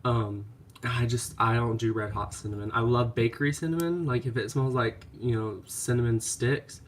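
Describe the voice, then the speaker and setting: In a steady, mid-range tone at normal speed, with slight background noise, a male candle vlogger narrates a haul video at home. Sinus congestion leaves him nasal and stuffy, and he rambles hesitantly with frequent ums.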